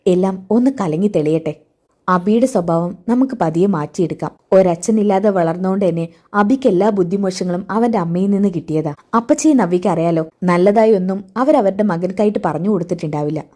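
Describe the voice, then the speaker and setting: A woman reading the part of a calm, caring young man who soothes a pregnant relative. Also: medium pitch, close to an everyday voice. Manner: soothing, reassuring, turns flustered when hiding things.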